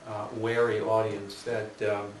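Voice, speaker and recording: A man giving a live poetry reading, introducing his poems with many hesitations and reading them slowly and deliberately. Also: lowish voice, flat delivery, slight background noise. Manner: hesitant, filler-heavy introductions; slow, measured reading. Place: room at a live reading with an audience. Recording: roomy, distant mic with faint ambience.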